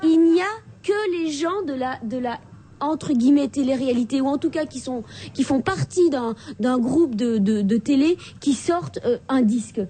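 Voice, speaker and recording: A woman's voice: high voice, lively intonation, normal speed, warm tone. A woman on a radio panel who cuts in to argue her point insistently. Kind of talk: radio talk show chat.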